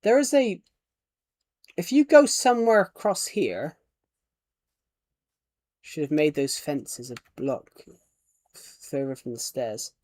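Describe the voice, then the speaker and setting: Playing a game on a livestream, this British man rambles in casual chat and reads viewers' names and comments aloud. His fairly high voice has a darkish tone and is animated yet slow, with frequent pauses, and there's no room sound.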